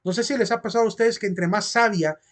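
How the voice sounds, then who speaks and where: A man's voice: sits high, quick pace. A man teaching a philosophy class as a lecture, explaining step by step and often checking in with "¿verdad?". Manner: explanatory, repeats phrases and asks "¿verdad?".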